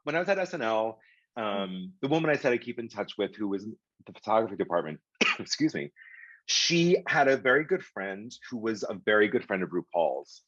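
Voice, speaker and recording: Low-voiced man rambling through a story. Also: big pitch swings, a little fast, a bit bright, dry recording, lo-fi sound. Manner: rambling, with many fillers and restarts. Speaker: guest, publishing executive. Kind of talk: casual storytelling in an interview.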